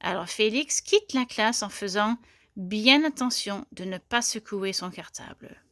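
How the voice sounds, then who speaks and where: A woman reading a children's story aloud in a clear, gentle storytelling manner. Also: mid-range voice, animated, unhurried, no echo, studio quality.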